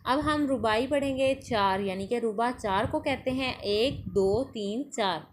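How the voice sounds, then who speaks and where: A patient woman teacher leads a Quran recitation lesson. She says each syllable slowly and carefully and repeats every word several times. Her voice sits a little high, and she talks at an unhurried pace. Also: slight background noise. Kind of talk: slow tajweed lesson with drilled syllables.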